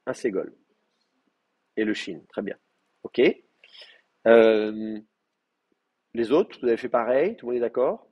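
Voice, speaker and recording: A man's voice: mid-range voice, unhurried, pauses often, lo-fi sound. A male teacher giving a live class, explaining step by step with many fillers and checking that students follow.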